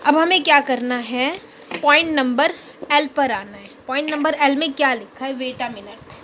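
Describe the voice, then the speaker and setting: High-voiced teacher, patient, spelling things out. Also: female voice, measured pace, noisy background. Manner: patient, asks questions then answers them, spells words letter by letter. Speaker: English teacher. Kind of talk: classroom lesson explaining a worksheet.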